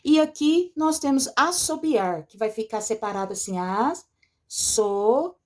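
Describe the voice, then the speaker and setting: A woman teacher talks through a textbook lesson in a slightly high voice. She explains step by step with patience, often pausing to ask her pupils if they follow. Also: expressive, a little mellow. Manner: patient, explanatory, checks in with "certo?" and "tá?". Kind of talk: recorded remote lesson walking through a textbook.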